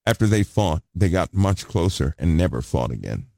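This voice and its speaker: A man's voice: sits low, very animated, normal speed, vocal fry, a little mellow, no room sound, studio quality. A man preaching a sermon, asking the congregation rhetorical questions and repeating phrases for emphasis.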